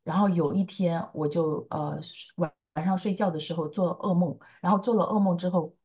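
A woman in her thirties giving an earnest personal faith testimony, halting often with fillers as she recalls events. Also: on the low side, steady tone, darkish tone. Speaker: testimony speaker. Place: lives in the United States.

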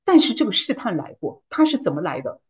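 Husky-voiced woman giving a testimony. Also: medium pitch, very animated, a little fast, dull audio. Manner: earnest, builds to fervent declarations. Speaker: church member giving testimony.

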